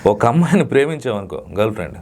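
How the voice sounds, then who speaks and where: A man, a dubbing artist, giving emphatic, lecturing interview answers with sudden loud rises. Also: medium pitch, big pitch swings, very fast.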